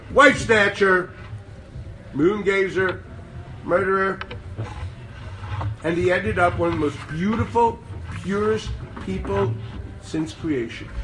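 High-voiced rabbi lecturing from afar. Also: male voice. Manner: animated, sarcastic, mixes Hebrew terms into speech. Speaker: rabbi teaching a class. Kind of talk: Torah lecture to a group. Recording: distant mic with loud background noise.

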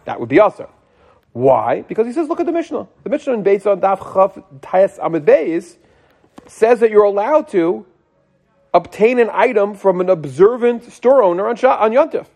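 A middle-aged man giving an informal religious law class as a rabbi, conversational and animated, often asking and answering his own questions. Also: sits high, moderate pace, creaky.

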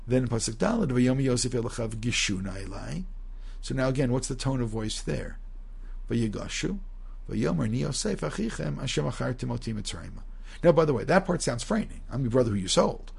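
Gravelly, husky man teaching from texts. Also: mid-range voice, lively intonation, brisk, a little mellow. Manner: reads Hebrew sources aloud, then explains, with many restarts and "you know". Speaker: Torah teacher. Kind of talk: text-based class lecture.

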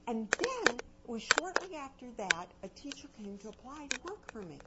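Animated older woman, lo-fi noisy recording. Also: a little high, moderate pace. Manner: animated, anecdotal, swings between soft and loud. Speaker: parenting and education speaker. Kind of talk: talk to a live audience. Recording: dull lo-fi recording with loud noise.

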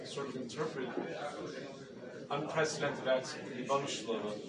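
A man in the audience asking a thoughtful question, speaking measured English mixed with Hebrew terms. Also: mid-range voice. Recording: distant, roomy mic with loud room noise.

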